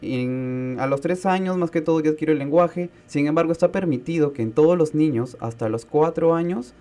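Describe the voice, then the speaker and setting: A man's voice: a little high, normal speed, warm tone. A man, a speech therapy specialist, explaining speech disorders on a radio talk show, patiently and with spoken examples.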